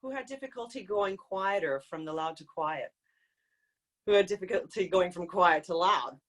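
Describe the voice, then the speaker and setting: A woman vocal coach leading a live online group singing lesson, explaining exercises and breaking into loud demonstration hoots and calls. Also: lowish voice, expressive, normal speed. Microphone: video call.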